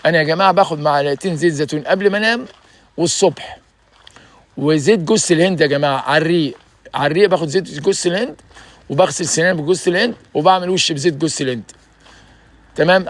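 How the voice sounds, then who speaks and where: A man in his sixties with an Egyptian accent, hosting a casual livestream and preaching health advice in an energetic, urging way. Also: fairly high pitch, rapid-fire, no echo. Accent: Egyptian Arabic. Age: 60s.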